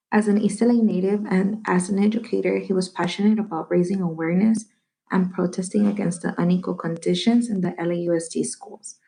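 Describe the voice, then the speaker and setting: A woman's voice: mid-range voice, gravelly, warm tone, low-quality recording. A young woman reading a prepared class presentation steadily and carefully. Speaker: student presenter.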